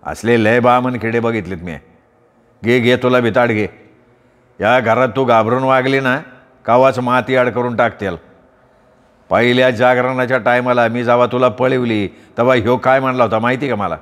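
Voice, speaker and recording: A man's voice: mid-range voice, fairly even intonation, normal speed, a bit bright, in a large hall, lightly acted. A man playing a proud, hot-tempered young village husband who talks in a blunt, scornful way.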